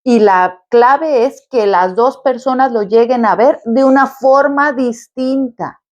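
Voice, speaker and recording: Higher-voiced woman therapist giving advice. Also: takes it slowly. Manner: warm, encouraging, explains step by step. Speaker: quantum therapist. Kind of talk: advice video addressed to the viewer.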